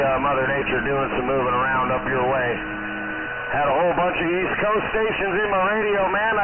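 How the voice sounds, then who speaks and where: A man's voice: medium pitch, very noisy. A man chatting casually on a CB radio, using laid-back radio lingo, heard over the radio set. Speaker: CB radio operator. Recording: tinny narrowband radio signal.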